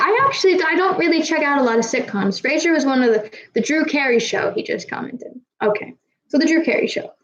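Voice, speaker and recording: A woman's voice: sits high, lo-fi sound. Tipsy young woman rambling to chat. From Kazakhstan. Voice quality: trouble pronouncing R sounds. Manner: rambling, casual and frequently swearing. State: slightly tipsy. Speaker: streamer answering chat. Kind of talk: casual live Q&A chat.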